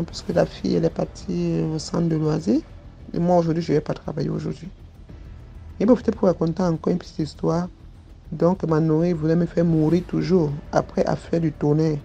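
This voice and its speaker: A woman telling a personal story in a casual way, animated and repetitive, with hesitant fillers. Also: on the low side, gravelly, highs cut off.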